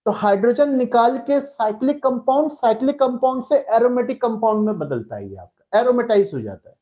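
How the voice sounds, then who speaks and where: Indian man, chemistry teacher, live online lecture, coaxing, repetitive, warm low voice. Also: very animated, a little fast. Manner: coaxing, calls students "beta", repeats words.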